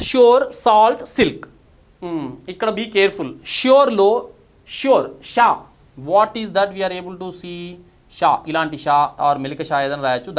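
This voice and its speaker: A man with a Telugu accent gives a recorded pronunciation lesson, switching between Telugu and English. His voice sits high and he talks at a slow, deliberate pace, posing questions and then answering them himself. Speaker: English teacher.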